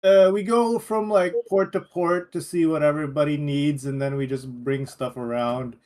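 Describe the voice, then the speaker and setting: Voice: mid-range voice, normal speed, darkish tone. A tabletop player talks in character in a breezy, dodgy way, with plenty of "like" and "uh". The voice sits mid-range and casual. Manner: breezy, evasive, with fillers like "like". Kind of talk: in-character tabletop role-play talk.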